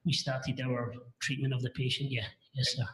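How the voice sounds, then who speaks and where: Paramedic witness in an echoey courtroom recording. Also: male voice, mid-range voice, little pitch movement. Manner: halting, hesitant, plain-spoken. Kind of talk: courtroom testimony.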